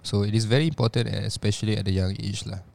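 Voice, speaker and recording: Male religious teacher, Singaporean accent, lowish voice, informal advice delivered in halting phrases with bits of Malay. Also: steady tone, creaky, darkish tone.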